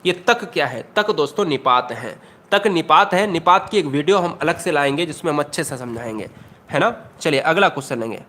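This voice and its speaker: A man's voice: fairly high pitch, expressive, brisk, bright, forceful tone. A man teaching an exam-prep Hindi lesson, emphatic, often repeating questions and speaking straight to his students.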